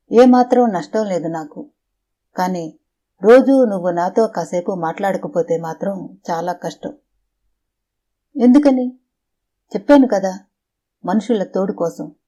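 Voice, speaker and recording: A woman voicing a lonely, confined father who pours his heart out in rambling bursts. His mellow tone rises and falls with the emotion of the moment, as in a storybook read aloud. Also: mid-range voice, lightly acted. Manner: rambling, emotional, in fits and starts. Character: lonely, talkative middle-aged father confined upstairs. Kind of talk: audiobook character reading.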